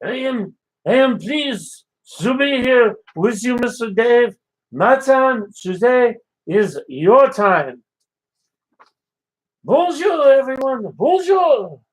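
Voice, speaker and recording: A man's voice: very high voice, big pitch swings, takes it slowly, voice pushed up, exaggerated voice, low-quality recording. A man putting on a cheerful French chef. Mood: pompously cheerful. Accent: put-on French. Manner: flowery, broken formal speech. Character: cheerful French male chef, pompous and polite. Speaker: in-studio guest character.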